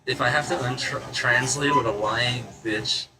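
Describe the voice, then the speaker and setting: A man's voice: medium pitch, fairly even intonation, measured pace. A man hosting a casual rambling monologue, swearing and laughing to himself as he wanders between thoughts. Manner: rambling, profane, laughing asides. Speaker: host.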